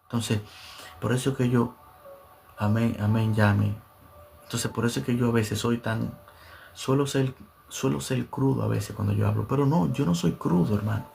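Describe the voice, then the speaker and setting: A man's voice: medium pitch, moderate pace, vocal fry, a little mellow, a little hiss or hum. A man preaching a sermon as pastor, fervent and repeating phrases for emphasis.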